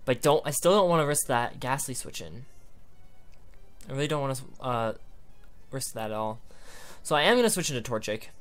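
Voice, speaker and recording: Smooth-voiced man hiccuping through game commentary. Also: medium pitch, lively intonation, fairly quick, long pauses, soft background music. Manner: thinks aloud, rambling. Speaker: gaming YouTuber. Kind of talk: live battle commentary.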